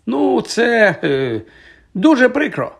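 A man's voice: a little high, animated, moderate pace, slightly rough. Lockhart, a man putting on a vain stammering wizard professor. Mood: flustered, evasive. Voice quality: pompous, stammering, hesitant fillers. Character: vain flustered male celebrity wizard professor.

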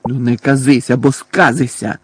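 Brief: male reader as a scruffy cowardly crook, husky, stammering, whiny. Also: mid-range voice, fairly even intonation, moderate pace, dry recording, close to an everyday voice. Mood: panicky. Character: shifty, cowardly petty thief, scruffy middle-aged man.

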